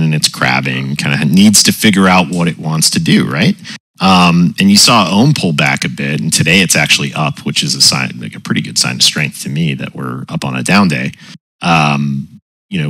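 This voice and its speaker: A man hosting a community call through a voice changer that pitches his voice very deep, chatting casually and checking in with "right?" and "you know". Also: no room sound, poor audio. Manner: relaxed, explains with frequent "right?" and "you know". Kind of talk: casual chat.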